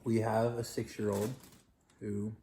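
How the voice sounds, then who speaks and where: A man's voice: lowish voice, little pitch movement, unhurried, vocal fry, dark tone, roomy sound, slight background noise. A man chatting casually with his fiancée, playful and jokey as he tells their story while eating. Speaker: fiancé co-host. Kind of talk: casual chat.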